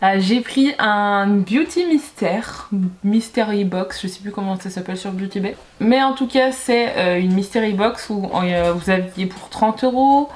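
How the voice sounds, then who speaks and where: A woman's voice: mid-range voice, a little slow, a little mellow, a little hiss or hum. A woman talking casually to camera in a beauty unboxing vlog, chatty and rambling, often hesitating and correcting herself. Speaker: beauty YouTuber.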